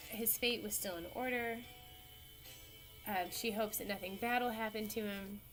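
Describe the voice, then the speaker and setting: A woman teacher talks her class through an old epic in an easygoing, chatty way. Her voice sits at an ordinary middle pitch. She stops to fix her own words and throws questions out to the room. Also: a bit bright. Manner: casual, chatty, self-correcting storyteller. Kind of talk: classroom lecture.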